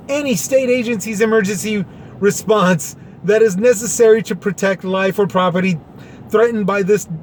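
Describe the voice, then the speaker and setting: Over slight background noise, a high-voiced male vlogger reads a government order and mockingly explains what it means in simple terms.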